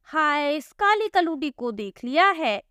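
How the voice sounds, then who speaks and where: A woman voicing a boastful, rude young village milkman in a storybook cartoon, loud and mocking. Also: sits high, sing-song, takes it slowly, dry recording, studio quality, heavily acted.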